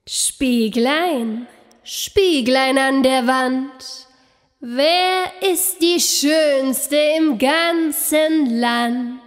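Woman playing a slow, imperious evil queen. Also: sits high, long reverb tail, faint music behind. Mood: vain, expectant. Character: proud, vain, envious evil queen.

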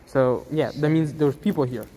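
With crowd noise behind him and poor audio, a young male vlogger talks a little fast in a slightly high voice. He's carrying a handheld camera through a large abandoned factory, chatting casually and explaining what he sees.

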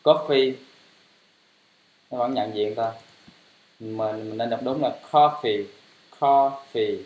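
A man teaching English pronunciation, spelling words letter by letter and repeating them louder. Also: lowish voice, a little slow. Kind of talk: pronunciation lesson. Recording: roomy, dull lo-fi sound.

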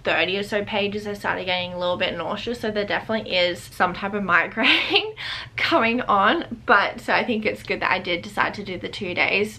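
A woman's voice: mid-range voice, pushed and bright, slight background noise. A young woman, chatting casually and gushing in a reading vlog, full of "like" fillers. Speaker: book vlogger.

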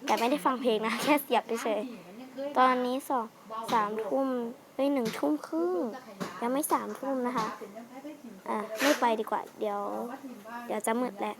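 A young woman casually chatting while playing a computer game, rambling playfully into a headset mic close to her mouth. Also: fairly high pitch. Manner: rambling, playful, polite sentence endings. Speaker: game channel host. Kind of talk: casual chatty gameplay commentary.

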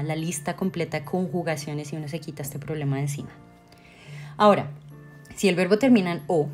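A Colombian woman with a Colombian Spanish accent teaches grammar in a video lesson, her voice sitting a little low for a woman. She explains patiently and often stops to correct herself or check in with her students. Faint music plays underneath. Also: a little mellow. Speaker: English teacher.

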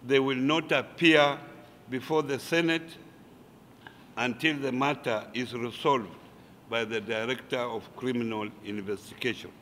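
Slow, formal man in a reverberant hall. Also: medium pitch, fairly even intonation, a bit bright. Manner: slow, measured, formal delivery. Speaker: speaker for a governors' council. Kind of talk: reading a formal statement at a press briefing. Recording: reverberant hall, faint background noise.

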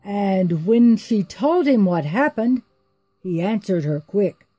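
A woman narrating a rhyming story in an expressive, sing-song way. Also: medium pitch, slow pace, husky, dry recording, soft background music.

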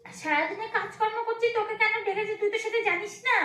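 High, fast-talking woman vlogger. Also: echoey room. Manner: animated, scolding and teasing by turns. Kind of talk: casual vlog chat addressed to viewers.

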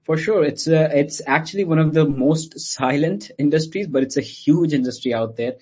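Speaking at a moderate pace, this Pakistani man has a fairly high voice with a dark, slightly rough tone. As a guest in an online interview, he patiently describes his company, scattering fillers through his answers.

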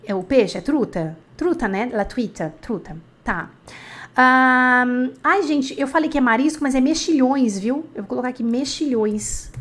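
A woman teaching a live online lesson, chatty, asking the class questions and repeating words slowly. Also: high-pitched, a bit bright. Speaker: French teacher.

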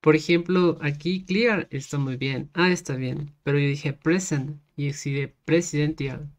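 An English teacher giving a casual lesson in Spanish, explaining a method step by step and slowly sounding out English words. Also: medium pitch, fairly even intonation.

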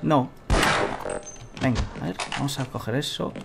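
A man's voice: medium pitch, a little slow, creaky, loud music behind the voice. A man in his thirties with an accent from Spain, giving casual, colloquial commentary while gaming, muttering to himself and viewers. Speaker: let's play host. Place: indoor room at a computer, webcam view. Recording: noisy game sound behind voice.

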